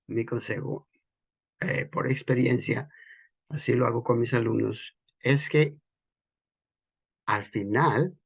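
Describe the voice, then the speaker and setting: A man teaching breathing in qigong practice, patiently explaining and repeating key terms slowly. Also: mid-range voice, slightly rough, dull audio. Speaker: qigong instructor. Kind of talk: instructional explanation.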